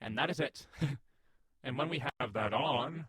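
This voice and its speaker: A man's voice: medium pitch, unhurried, very noisy. A man giving a casual step-by-step tutorial on voice effects, explaining settings plainly with fillers and restarts.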